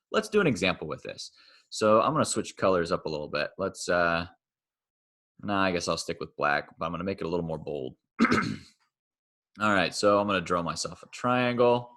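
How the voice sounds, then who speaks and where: A man's voice: sits low, fairly bright tone. A male math teacher recording a casual online lecture, thinking aloud and correcting himself as he draws on screen.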